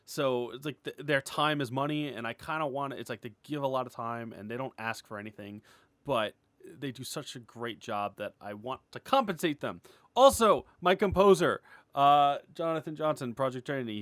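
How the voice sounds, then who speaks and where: Addressing his followers, an indie series creator who also animates and writes chats off the cuff, excited and rambling, using "like" again and again. The recording is dry, and his voice sits mid-range with a fairly bright tone.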